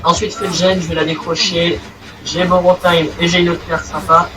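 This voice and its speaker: A young man giving crude, excitable commentary while he plays a game, swearing often. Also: fairly high pitch, normal speed, far from the mic, low-quality recording. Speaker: gaming video creator. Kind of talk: playing commentary. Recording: voice set back from the mic, game music behind.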